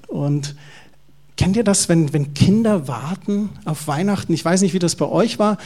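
A man's voice: high-pitched, normal speed. A middle-aged male pastor with a Bavarian German accent, preaching a sermon and asking the congregation questions. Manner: lively storytelling, asks the congregation questions.

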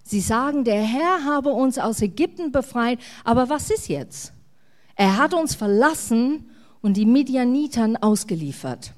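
A woman's voice: a little high, sing-song, measured pace, darkish tone, dry recording, clean studio sound. A woman pastor, preaching a sermon and acting out the biblical dialogue in quoted voices.

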